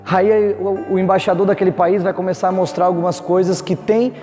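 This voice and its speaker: A man's voice: high-pitched, fairly even intonation, a little fast. A man from Brazil preaching to cell group leaders, fervent and full of restarts, acting out the objections of his listeners. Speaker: pastor. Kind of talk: teaching sermon to cell leaders. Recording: echoey room with long reverb, soft guitar behind.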